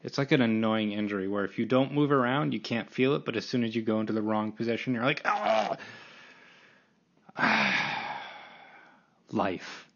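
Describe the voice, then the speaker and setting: A man's voice: on the low side, fast talker, hardly any pauses, lo-fi sound. A man in his late twenties hosting a solo podcast, rambling casually and self-deprecatingly with frequent restarts. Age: 20s. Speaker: podcast host.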